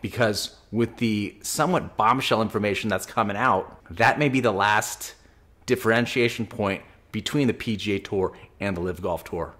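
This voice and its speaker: A man in his forties hosting an opinionated commentary vlog from a small home office, talking close into a boom mic in a sarcastic, argumentative way. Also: moderate pace, fairly bright tone. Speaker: host. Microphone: studio mic on boom, close.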